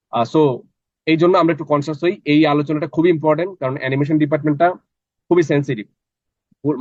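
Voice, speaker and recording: A man's voice: on the high side, dry recording. A man teaching a live online class in a chatty way, often checking in with his students. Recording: dry, slightly dull online class audio.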